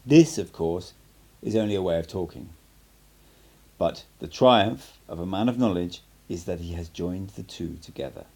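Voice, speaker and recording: A man with a deep, darkish voice and vocal fry voices a confident, cryptic sorcerer mentor in an audiobook. At normal speed, he sounds solemn and emphatic, instructing with authority.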